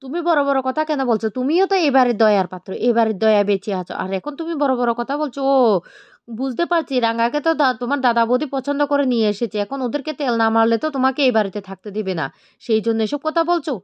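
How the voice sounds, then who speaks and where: A woman's voice: on the high side, fast, dry recording, dull audio, natural voice. A woman voicing an angry, accusing middle-aged mother who lashes out with a raised voice, as part of a retold TV serial. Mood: furious. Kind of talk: retelling a TV serial, voicing every role.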